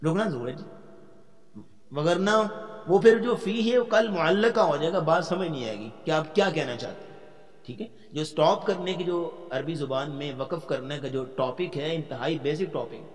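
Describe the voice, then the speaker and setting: Man teaching in a reverberant hall. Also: a little high. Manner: explains step by step, asks the class questions, chants verses slowly. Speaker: Quran teacher. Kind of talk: tafsir lecture.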